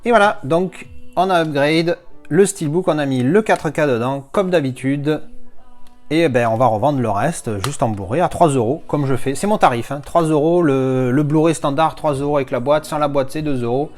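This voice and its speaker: A man's voice: on the high side, normal speed, soft background music. A man from France chatting casually as he unboxes his latest movie discs, rambling with playful asides.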